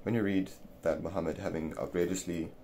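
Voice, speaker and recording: Low-voiced guy reading old text out loud, trips over words, faint hiss behind. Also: fairly even intonation, brisk. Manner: stumbling, repeating words as he reads. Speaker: reader of a classic essay.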